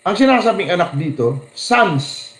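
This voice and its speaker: A man's voice: high-pitched, very animated, measured pace, fairly bright tone, roomy sound, low-quality recording. A man preaching a sermon as pastor. He reads Bible verses aloud in a raised voice and mixes English words into his talk.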